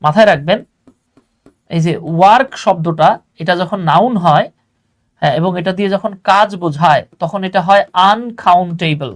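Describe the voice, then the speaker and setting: A young man teaches English grammar in an online class, chatty and full of little affirmations. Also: sits high. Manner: chatty, repeats "হ্যাঁ", mixes English terms into Bengali.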